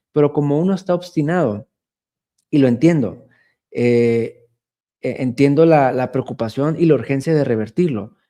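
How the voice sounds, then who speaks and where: A man's voice: on the high side, mellow. A man who works in diabetes care, explaining conversationally in a livestream and often checking in with "¿no?". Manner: explanatory, conversational, asks listeners "¿no?". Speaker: diabetes health educator. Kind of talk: livestream talk.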